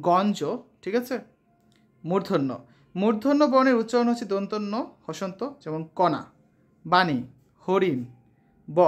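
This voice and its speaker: Woman teacher, mid-pitched voice, step-by-step lesson, asks and answers her own questions, lists example words. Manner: often checks understanding with a rising question; reads example words one by one in a list. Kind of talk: classroom lesson on letter pronunciation.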